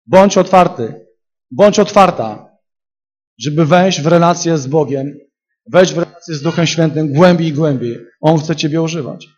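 A man preaches a charismatic sermon in a church hall. His voice sits a little high and sounds husky. He swings between loud, emphatic peaks and quiet storytelling, on a dull, lo-fi recording. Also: moderate pace.

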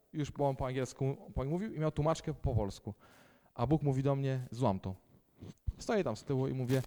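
A young man preaching a sermon, telling a personal testimony in an emphatic storytelling way with quiet asides. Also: mid-range voice.

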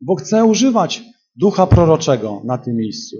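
A man preaching a charismatic sermon to a congregation in a church hall. He rises to loud, emphatic peaks and drops to quiet storytelling. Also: on the high side, sing-song, moderate pace, highs cut off.

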